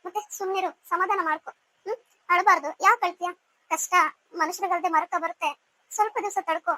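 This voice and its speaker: A woman's voice: very high voice, fairly even intonation, fairly quick, bright, forceful tone, dry recording, low-quality recording. A woman voicing a fussy, caring sister-in-law in a cartoon serial, alternately scolding and consoling.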